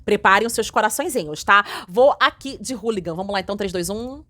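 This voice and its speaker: A young woman with a Brazilian Portuguese accent hosts a casual K-pop news vlog, chatty and excitable, tagging nearly every sentence with a little question. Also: medium pitch, quick pace. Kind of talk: casual news chat and video reaction.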